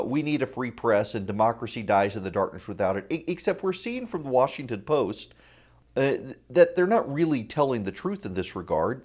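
A man hosting a radio talk show with opinionated, informal commentary and dry asides, speaking on a lav mic in an echoey, untreated room. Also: mid-range voice. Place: indoor room at a college without sound paneling. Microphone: lavalier.

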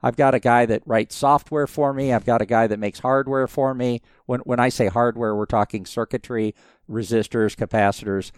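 A man in his fifties tells stories as a podcast guest, his voice smooth and resonant on a dry, close recording. He rambles with plenty of restarts but keeps the telling lively. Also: mid-range voice, normal speed, no echo. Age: 50s. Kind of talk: casual storytelling interview.

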